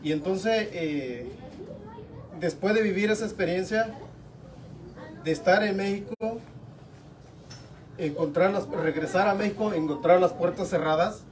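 Man, earnest meeting speaker, slightly high voice, off-mic with a murmuring crowd; heard from a far camera. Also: measured pace, long pauses. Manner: earnest, hesitant with many fillers. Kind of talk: impromptu speech at a meeting. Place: small meeting room indoors.

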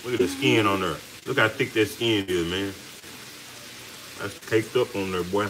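A man co-hosting a home cooking vlog, telling a story in an animated, laughing way with casual slang. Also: fairly low pitch, moderate pace, a little hiss or hum, rough recording. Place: home kitchen with frying food.

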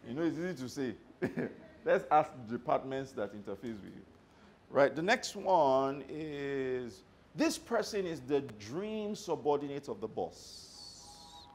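Speaking at an unhurried pace in a mid-range voice, this motivational trainer leads a live workshop for staff. He is an animated storyteller who keeps checking in to see that listeners are with him. There is slight background noise.

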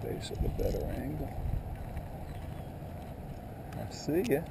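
A man's voice: fairly high pitch, expressive, slow pace, gravelly. A man giving casual fishing commentary, talking to the fish in short murmured remarks outdoors. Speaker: angler. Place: outdoors on a lakeshore. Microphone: body-worn action camera. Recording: windy, noisy outdoor action-camera audio.

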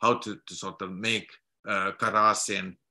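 Over a video call from a book-lined home study, a middle-aged Finnish man speaks as a guest lecturer. His voice is strikingly bright yet fairly low, flat, and creaky, and his halting explanations are full of restarts and repeated words.

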